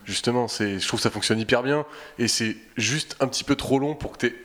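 A man's voice: mid-range voice, brisk, a bit bright. A man in a casual film discussion, speaking informally and often repeating words as he goes.

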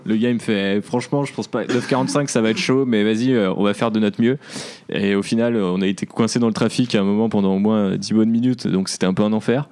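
A man's voice: on the low side, fairly even intonation, quick pace, a little mellow, a little hiss or hum. A young man in casual podcast chat, telling a travel story with many fillers and restarts. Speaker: podcast co-host, film journalist.

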